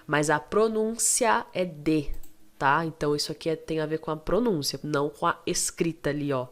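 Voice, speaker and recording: A Brazilian woman with a Brazilian Portuguese accent, teaching an online English lesson in a chatty, coaxing way and checking in with quick tag questions. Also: sits low.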